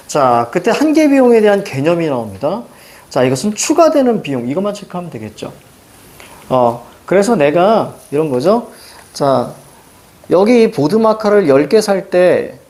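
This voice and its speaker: A middle-aged man teaching a reading lesson, quizzing students with quick questions and a repeated "now". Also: fairly high pitch, a little mellow. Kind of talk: recorded lecture explaining a reading passage.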